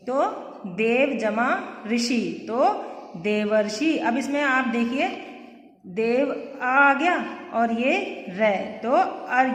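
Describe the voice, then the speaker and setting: A woman teacher giving a grammar lesson, explaining step by step and asking the class questions as she goes. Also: a little high. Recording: echoey room with long reverb.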